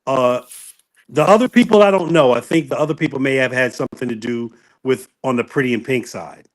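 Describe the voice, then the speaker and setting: A man's voice: medium pitch, a little fast. A man on a podcast, telling music-industry stories in a loose, rambling way and correcting himself as he goes. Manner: rambling anecdotes with self-corrections. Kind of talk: casual storytelling chat.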